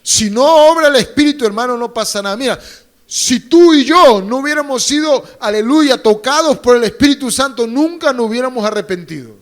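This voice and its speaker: A man's voice: extremely high pitch, lively intonation, fairly quick. A pastor preaching a sermon to his congregation. He preaches with fervor, gets the congregation to repeat phrases after him and throws in joking asides. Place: church.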